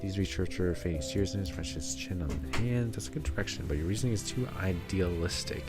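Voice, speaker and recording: A man's voice: low-pitched, brisk. A male streamer reading a story game aloud in a laid-back, joking way. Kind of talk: casual gameplay commentary. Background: soft background music.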